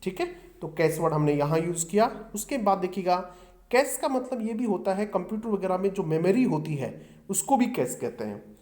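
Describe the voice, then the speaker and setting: A man's voice: high-pitched, big pitch swings, normal speed, a little mellow. A middle-aged man teaching exam vocabulary, often asking his students a question and then answering it himself. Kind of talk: exam-prep vocabulary lesson.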